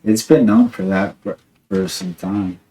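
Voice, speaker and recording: A young New Jersey man hosts a podcast, rambling in a laid-back way and dropping plenty of "like" and "dude." His voice sits on the low side, warm, with a fairly even intonation and a measured pace. It's casual chat.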